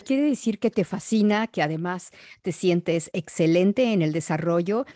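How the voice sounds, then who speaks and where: A woman's voice: lowish voice, measured pace, mellow, no echo, studio quality. A woman with a Mexican accent hosting an interview and asking questions with praise for her guest. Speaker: interview host. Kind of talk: radio interview.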